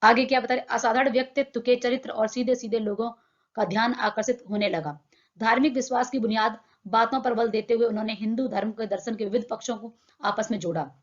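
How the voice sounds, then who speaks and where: A woman's voice: on the high side, fairly even intonation, brisk. A young woman teacher explaining a textbook lesson in plain words, asking her own questions and answering them. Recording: dull lo-fi sound.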